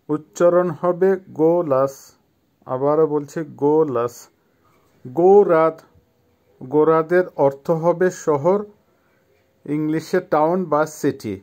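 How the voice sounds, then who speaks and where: A man in his fifties from Bangladesh gives a slow, careful vocabulary lesson. He says each word, explains it, then repeats it, in a fairly high voice. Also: darkish tone. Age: 50s. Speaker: language teacher.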